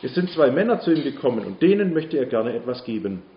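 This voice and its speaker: A man's voice: medium pitch, big pitch swings, quick pace, close to an everyday voice. A man voicing a sly, greedy young servant with a scheming, wheedling manner, in a dull, roomy recording with faint hiss.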